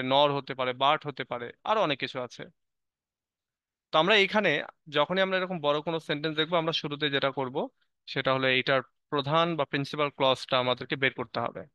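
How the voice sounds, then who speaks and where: A man teaching an online grammar lecture, explaining step by step with rhetorical questions and frequent pauses mid-phrase. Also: fairly high pitch, pushed and bright, clear, resonant tone, dry recording. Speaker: English teacher.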